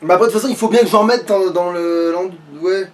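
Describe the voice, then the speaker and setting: Captured on a distant mic over faint background noise, this man is a let's player whose casual gameplay chat is full of swearing and muttered repetition. He speaks in a high, brisk voice.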